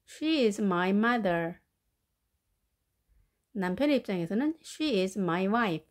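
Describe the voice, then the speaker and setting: A woman with Korean as her first language, teaching English family words and slowly drilling their pronunciation. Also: mid-range voice, expressive. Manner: slow, careful pronunciation drills. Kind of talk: vocabulary lesson.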